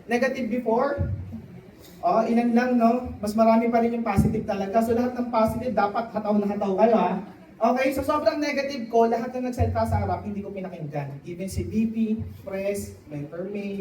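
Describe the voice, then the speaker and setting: A man giving a motivational testimony to a live audience, often turning to the crowd with quick questions. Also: high voice, a little mellow, a little hiss or hum. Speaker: testimonial speaker at a sales event. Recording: echoey hall, voice from a distance.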